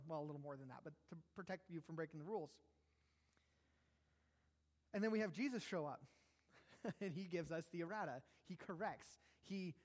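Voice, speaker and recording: A man's voice: sits high, a little mellow. A man preaching a sermon, conversational and self-deprecating, with jokes and asides. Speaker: pastor. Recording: long hall reverb.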